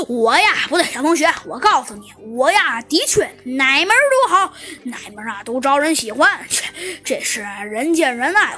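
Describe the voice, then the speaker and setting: A woman's voice: sits high, pushed and bright, full character voice. A woman putting on a bragging, teasing teacher. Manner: teasing, bragging, stammering fillers. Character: boastful chatty male school teacher.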